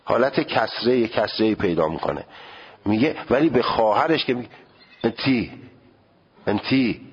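Husky-voiced man giving an animated lecture. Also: fairly low pitch, lo-fi sound. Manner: animated, questions students and sounds out pronunciations. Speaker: seminary teacher. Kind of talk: seminary jurisprudence lecture.

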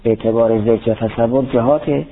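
A man's voice: medium pitch, fairly even intonation, slightly rough. A man giving a lecture that reads aloud a classical Arabic text and explains it line by line. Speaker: teacher of theology and logic. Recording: tinny phone-like recording.

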